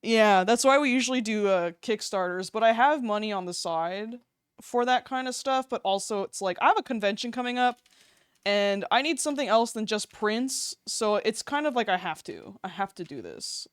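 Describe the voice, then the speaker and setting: A woman's voice: medium pitch, expressive, normal speed, smooth, no echo, clean studio sound. A young woman streaming while she draws, chatting casually, giggling and swearing easily. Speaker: streamer and artist. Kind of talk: casual live-stream chat while drawing.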